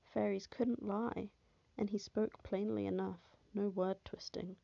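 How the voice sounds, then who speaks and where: A woman giving a scripted first-person audiobook narration with a steady, even reading. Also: medium pitch, a little slow, vocal fry, dry recording. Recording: dull lo-fi, dry.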